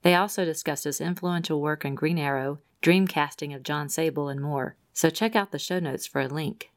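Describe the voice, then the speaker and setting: A podcast co-host from Rhode Island, USA, reads listener mail in a low-set voice at normal speed. She gives the quotes upbeat emphasis.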